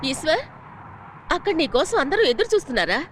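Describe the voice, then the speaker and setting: A middle-aged actress playing a timid, worried mother who fears her husband, in a film scene with a loud score behind. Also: high-pitched, very animated, fast talker, heavy background noise. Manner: worried, hushed pleading. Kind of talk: film drama acting.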